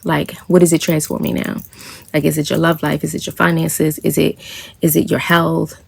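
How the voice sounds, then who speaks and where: A woman talking to camera about her spiritual practice in a soft, meandering way, with many fillers and small laughs. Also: sits low, level tone, normal speed, gravelly. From United States. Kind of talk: casual reflective vlog monologue.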